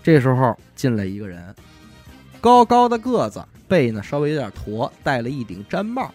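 This man's voice is mid-range and moderately paced, set against soft background music. As a podcast host, he casually recounts a story in a lively way, dropping frequent little "ai" interjections and laughs.

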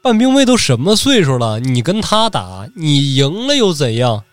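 A man's voice: a little high, huge pitch swings, takes it slowly, darkish tone, no room sound, soft background music, heavily acted. A man voicing an old father who pleads with and lectures his hot-headed son. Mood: exasperated. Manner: pleading, exasperated.

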